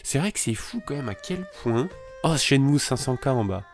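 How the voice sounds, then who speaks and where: A man hosting a calm let's play, reading in-game messages aloud and musing on them in a chatty way. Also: mid-range voice, normal speed, faint music behind. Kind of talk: calm gameplay commentary.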